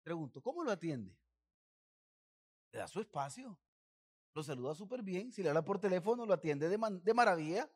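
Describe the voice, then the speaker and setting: A male pastor delivering a sermon with a high-pitched voice. He preaches emphatically and keeps calling the congregation to say phrases back with him. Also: expressive, fairly quick, long pauses, slightly rough.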